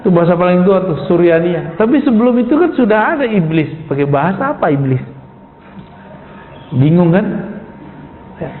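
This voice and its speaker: A man's voice: high voice, very animated, normal speed, pauses often, a little hiss or hum. A male preacher giving an informal sermon, putting rhetorical questions to his listeners and calling them "Pak". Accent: Indonesian. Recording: echoey hall, tinny phone-like sound.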